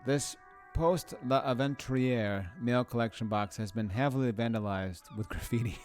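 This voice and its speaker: A man's voice: medium pitch, moderate pace, darkish tone, faint music behind. A man streaming a video game, reading the game text aloud and making casual, playful comments to his chat, with frequent swearing and laughing.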